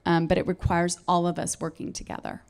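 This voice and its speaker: A woman's voice: fairly low pitch, completely flat delivery, a little fast, vocal fry, noisy background. A woman filmmaker speaking on a panel, earnest and emphatic, repeating phrases for stress. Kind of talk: panel discussion. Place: event panel before an audience.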